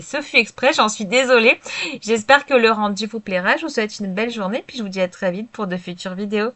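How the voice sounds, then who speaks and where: A woman's voice: medium pitch, a bit bright, no room sound. A woman narrating a crafting tutorial in a chatty way, with many hesitant fillers. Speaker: craft video creator. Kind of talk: casual crafting tutorial voice-over.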